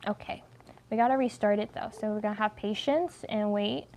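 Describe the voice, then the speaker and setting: A woman's voice: mid-range voice, fairly quick, darkish tone, a little hiss or hum. A woman hosting a casual at-home livestream, chatting while she crochets, rambling and easily sidetracked, with a lot of "like". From United States. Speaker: livestream host.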